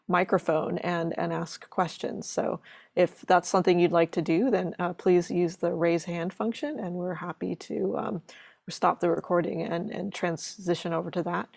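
Woman running a webinar q&a, lowish gravelly voice, lots of ums, dry sound. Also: steady tone, moderate pace, darkish tone, no echo. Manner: friendly, chatty, many fillers. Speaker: webinar moderator. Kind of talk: casual live webinar hosting.

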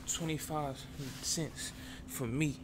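A man's voice: a little high, steady tone, slow pace, noisy background. A man voicing a frantic, down-on-his-luck addict who begs and rambles repetitively in an ASMR role-play. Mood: rambling.

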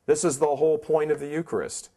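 A man's voice: fairly high pitch, flat delivery, quick pace, dark tone. Emphatic man preaching at a conference. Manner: emphatic, rhetorical questions, plainspoken asides. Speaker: conference speaker.

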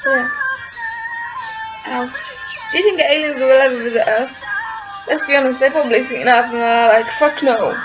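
A young Liverpool-born Englishwoman, her accent only faintly Liverpudlian, chats to her webcam in a bright, high, expressive voice at normal speed with long pauses, over music. Giggly and scatterbrained, she answers viewer questions and talks baby talk to her cat. Seated against a wall in a small room with the webcam at arm's length, she sounds dull and lo-fi.

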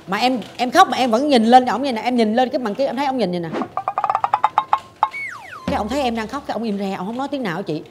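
A woman's voice: on the high side, rapid-fire, hardly any pauses, loud music behind the voice. A woman, hosting a talk show and dramatically telling a personal story, acting out her own past thoughts. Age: 40s. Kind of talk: confessional storytelling chat.

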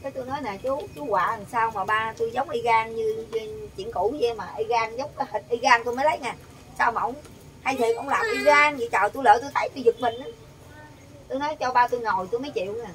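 Older lady, high voice, talks fast, heard from a ways off outdoors. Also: distant mic, low-quality recording. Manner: animated, quoting others in quick bursts. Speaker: interviewee. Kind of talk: heated storytelling.

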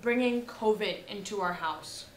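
A woman's voice: medium pitch, measured pace, lightly acted. A young woman acting an anxious, exasperated, sarcastic roommate in a comedy sketch. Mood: irritated. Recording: roomy sound with music.

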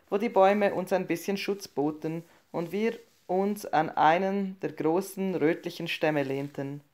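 A woman with a fairly low voice reads a short story aloud. Her narration is calm, measured and subdued, unhurried from line to line. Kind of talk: audiobook reading of a short story.

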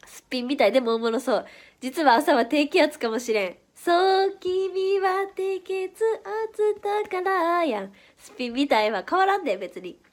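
A woman's voice: a little high, lively intonation, a little fast. A woman with a Kansai accent and a stuffy nose, chatting playfully on a livestream and reacting to viewer comments. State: stuffy nose from hay fever. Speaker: idol livestream host. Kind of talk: casual livestream chat reading viewer comments.

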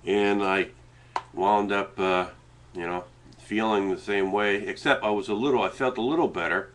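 A man's voice: fairly low pitch, moderate pace, fairly bright tone, slight background noise. A middle-aged man with a Canadian Maritime accent and a stuffed-up nose, rambling hesitantly in a casual webcam chat at home. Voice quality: congested, stuffed-up nasal sound. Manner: rambling, hesitant, sometimes talking while eating. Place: small indoor room at home. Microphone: webcam setup at desk distance.

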